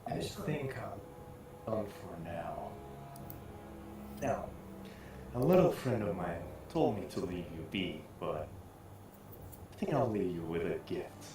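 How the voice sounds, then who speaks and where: A man's voice: low voice, sing-song, takes it slowly, long pauses. A man playing in a tabletop game, talking casually and playfully and laughing often. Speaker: player. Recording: echoey room with background noise.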